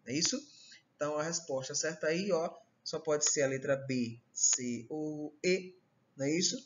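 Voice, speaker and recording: A man's voice: a little high, moderate pace, a little hiss or hum. Brazilian man teaching grammar, dull audio. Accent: Brazilian Portuguese. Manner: explanatory, repeats "tá?" and "certo?" checks. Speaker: Portuguese language teacher. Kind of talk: recorded online grammar lecture.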